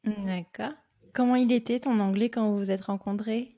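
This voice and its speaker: Mellow-voiced French podcast host. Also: female voice, medium pitch, fairly even intonation, normal speed. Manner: friendly, hesitant questions with fillers. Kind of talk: interviewing a guest.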